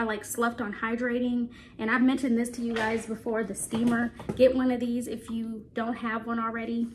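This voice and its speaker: A woman's voice: a little high, slight background noise. A woman vlogger talking casually to her viewers, chatty and rambling with frequent laughs, her voice a little stuffy from allergies. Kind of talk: casual chat to camera.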